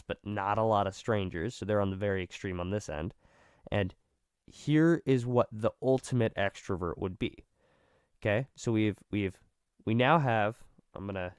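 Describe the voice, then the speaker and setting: Man with vocal fry, low clear voice. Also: darkish tone, dry recording, studio quality. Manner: rambling, self-correcting, self-deprecating. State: just recovered from being sick. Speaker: explainer. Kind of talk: casual, informal explanation at a drawn diagram.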